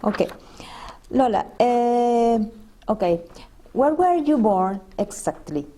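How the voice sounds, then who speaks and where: Woman from venezuela asking questions in english, spanish first language, soft mellow voice, kinda halting. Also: fairly high pitch, animated. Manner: hesitant, halting questions with restarts. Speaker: interviewer. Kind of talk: unscripted interview questions.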